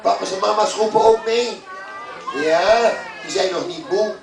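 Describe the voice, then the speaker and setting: A man with a Dutch accent presenting to a crowd of children outdoors, lively and coaxing, often calling out loudly. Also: high-pitched, measured pace, gravelly, noisy background. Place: outdoors at a railway station platform. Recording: roomy, distant, loud crowd and music.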